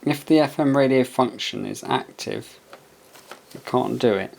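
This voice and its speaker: In a medium-pitched, somewhat mellow voice, a man works through a casual product review a little slowly, muttering his thoughts and reading passages from a manual. Background noise and clicks from handling are clearly heard.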